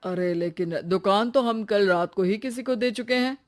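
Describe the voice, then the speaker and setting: A woman voicing a blunt shop landlord in an animated story, matter-of-fact and dismissive. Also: medium pitch, normal speed, natural voice.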